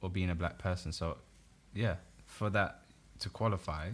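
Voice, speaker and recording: A man's voice: low voice, normal speed. A young man co-hosting a podcast, arguing his point insistently in a casual debate. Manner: insistent, repeats no over and over. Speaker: podcast co-host.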